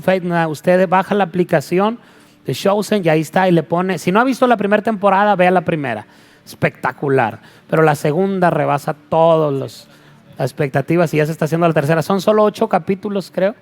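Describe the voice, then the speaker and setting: A pastor preaching in a lively storytelling manner, breaking off for joking asides. His voice sits a bit high for a man. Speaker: apostle and pastor. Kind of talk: sermon.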